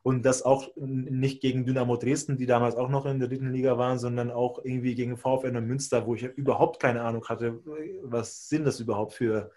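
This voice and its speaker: A man's voice: mid-range voice, little pitch movement, a little fast, hardly any pauses, warm tone. A man from Hungary, a native Hungarian speaker, co-hosting a podcast and telling a long personal story in a rambling, self-correcting way. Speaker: podcast co-host. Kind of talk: casual chat, personal storytelling.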